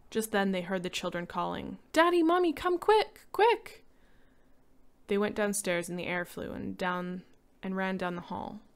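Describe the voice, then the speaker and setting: A woman reads a short story dramatically in a clear, resonant, medium-pitched voice. She acts out each character, rising loud for the shouting and panicked lines.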